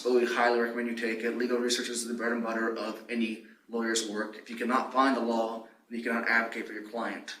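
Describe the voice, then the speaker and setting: A man's voice: mid-range voice, fairly bright tone. Muffled young man presenting, roomy and distant. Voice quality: muffled by a face mask. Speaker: law library fellow presenting a guide. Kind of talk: informal instructional presentation. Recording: roomy, distant mic, faint noise, mask-muffled.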